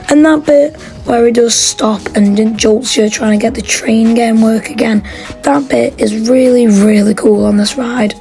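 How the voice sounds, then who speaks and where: A woman's voice: a little high, creaky, dark tone, poor audio. A woman, chatting casually in a rambling, enthusiastic voice-over as she ranks theme park rides.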